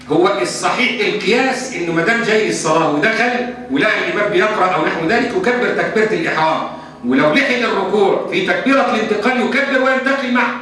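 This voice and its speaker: Fast, bright-voiced Egyptian sheikh in echoey hall. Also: male voice, high voice. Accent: Egyptian Arabic. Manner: emphatic, switches between formal and colloquial speech. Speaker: Islamic scholar answering questions. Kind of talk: religious Q&A lesson. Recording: echoey hall from far off, faint hum.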